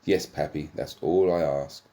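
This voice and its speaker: A man doing a demanding female demon hostess who shrieks and pleads, her voice pushed up into a shrill, raised register. It is a comic storybook voice, loud and bossy. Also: fairly even intonation, a little slow.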